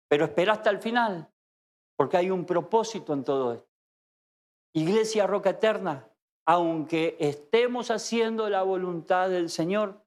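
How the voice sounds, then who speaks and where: A man with an Argentine accent preaching an impassioned sermon in a church as pastor, full of rhetorical questions. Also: high-pitched. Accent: Argentine Spanish.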